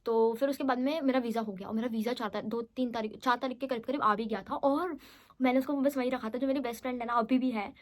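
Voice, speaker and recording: A woman's voice: fairly high pitch, steady tone, fast talker. A woman in her twenties from India, telling her story in a casual, chatty vlog and mixing Hindi with English. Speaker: vlogger.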